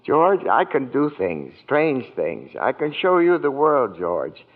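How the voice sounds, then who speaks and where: Quaint guardian angel, tinny old radio. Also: male voice, medium pitch, huge pitch swings, slow, exaggerated voice. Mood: earnest, persuasive. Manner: genteel, old-fashioned, gently insistent. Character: kindly, eccentric apprentice guardian angel, earnest and quaint. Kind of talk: old-time radio drama acting. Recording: tinny vintage radio broadcast.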